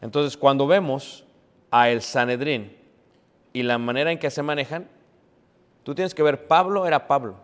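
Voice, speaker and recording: Preacher with long hall reverb. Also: male voice, mid-range voice, normal speed, pauses often. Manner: asks the congregation rhetorical questions and answers them; keeps calling his listeners brothers. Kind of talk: sermon. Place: church.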